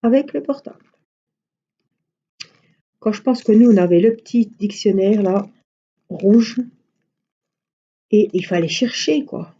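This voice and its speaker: A woman's voice: mid-range voice, slow pace, long pauses, mellow, husky, dull audio. A middle-aged woman chatting casually on a live stream, rambling through everyday anecdotes. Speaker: craft live-stream host.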